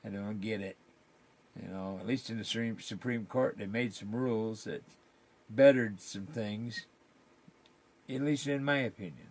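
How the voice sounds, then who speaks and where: A man's voice: lowish voice, measured pace, pauses often. An older man, chatting casually and rambling in folksy, colloquial talk on his live stream.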